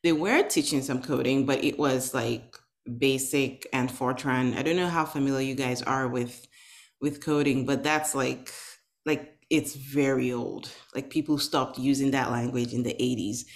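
A low-pitched woman from Nigeria, in her thirties, talking as an interview guest about her path into tech. She chats loosely, with fillers and restarts as she goes. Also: steady tone, measured pace. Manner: chatty, with many fillers and restarts. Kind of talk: casual interview chat.

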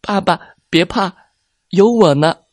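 A woman's voice: fairly low pitch, slow pace, darkish tone, no room sound, studio quality, voice pushed up. A woman voicing a little boy bear cub in a children's storybook reading. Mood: comforting.

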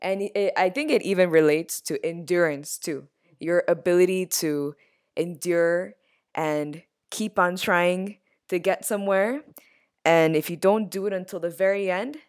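A woman leads a conversation at a low, measured pitch. She reflects out loud in an earnest, gentle way and sometimes stumbles over a word before she carries on. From United States. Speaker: interviewer.

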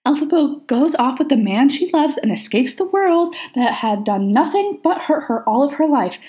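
A woman's voice: high-pitched, expressive, moderate pace, dark tone, pitched above the performer's own voice, poor audio. A woman voicing a grumpy, sardonic male demon who grumbles and argues. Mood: arguing. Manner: grumbling, argumentative.

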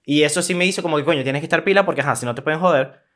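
A young man with a Venezuelan accent, casually telling a story on a podcast, slangy and animated, acting out what people said. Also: a little high, rapid-fire. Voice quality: animated, slangy, acts out quoted voices. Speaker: podcast co-host.

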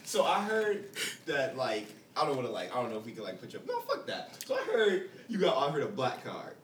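A man's voice: medium pitch, huge pitch swings, recorded from a distance. A man co-hosting a podcast, rambling and cursing in casual banter, often restarting his sentences. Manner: rambling, profane, with halting restarts. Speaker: podcast co-host. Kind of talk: casual chat. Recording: roomy, off-mic with faint room noise.

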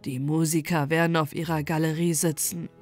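A woman's voice: low voice, little pitch movement, normal speed, a little mellow, soft background music, pitched below the performer's own voice. A woman voicing a lovesick, despairing young male student in a bedtime storybook reading, lamenting in a dreamy way. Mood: longing.

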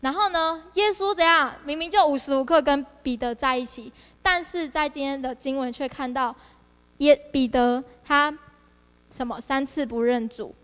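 A woman's voice: sits high, moderate pace, in a large hall. A young woman preaching at a youth service, constantly throwing questions to her listeners. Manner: asks the audience frequent rhetorical questions, animated. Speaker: district leader preaching.

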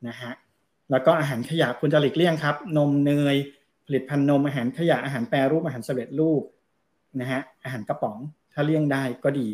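A man who is a doctor, talking through health advice on a podcast in a relaxed, explanatory way with soft polite phrase endings. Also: medium pitch, brisk. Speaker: doctor, guest expert.

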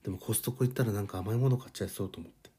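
A man's voice: fairly low pitch, very fast, dark tone, husky. A man in his forties hosting a solo podcast, chatting in a loose, easygoing, self-deprecating way about his own life. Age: 40s. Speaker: podcast host. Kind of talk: rambling solo podcast chat.

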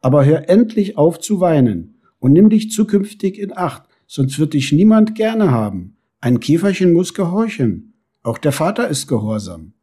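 A man voicing a strict but soft-hearted mother beetle who scolds her son, in a storybook reading. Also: on the high side, big pitch swings, moderate pace, breathy edge. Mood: lecturing.

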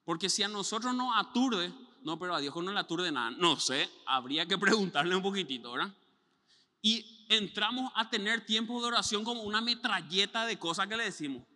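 A man's voice: high voice, animated, brisk, sharp tone, big-room sound. A man preaching a sermon as pastor, telling stories animatedly, imitating sounds and voices.

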